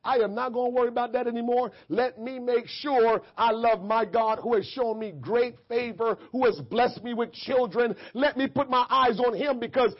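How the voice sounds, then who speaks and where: A preacher putting on the voice of an unloved young wife who resolves to praise God instead of worrying. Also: male voice, very high voice, fairly even intonation, normal speed, hardly any pauses, voice pushed down. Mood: resigned resolve. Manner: resolute, talking herself round. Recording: dull lo-fi church recording.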